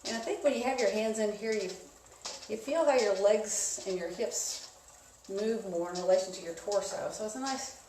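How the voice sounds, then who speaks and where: A woman instructing an indoor spin class in a casual, conversational coaching style, giving gently encouraging cues. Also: mid-range voice, moderate pace. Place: indoors, echoey room. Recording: echoey room, distant mic, clear noise.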